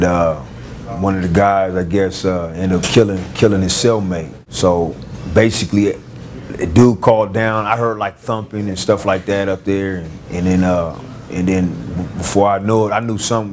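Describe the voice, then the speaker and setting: Deep-voiced man with halting street-slang storytelling. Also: darkish tone, a little hiss or hum. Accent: Los Angeles street slang. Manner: halting, full of fillers and restarts. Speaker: former gang member telling his story. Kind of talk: casual storytelling.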